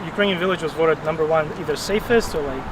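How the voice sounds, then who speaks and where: Distant man amid loud street noise. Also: a little high, fast. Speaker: interviewee on the street. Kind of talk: casual street interview.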